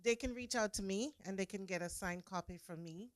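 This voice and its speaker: A woman with a Jamaican accent, speaking earnestly as an interview guest and trailing off softly at the ends of her phrases. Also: mid-range voice, fairly quick, dry recording. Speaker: guest, author and preacher. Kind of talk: casual interview.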